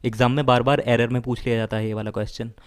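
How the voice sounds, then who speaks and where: A male teacher walking learners through word roots, mixing two languages. He restates every meaning several times and checks in with a quick "right?". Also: mid-range voice, flat delivery, clear, resonant tone. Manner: explains slowly, repeats meanings, asks "right?". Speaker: vocabulary teacher. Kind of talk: bilingual vocabulary lesson.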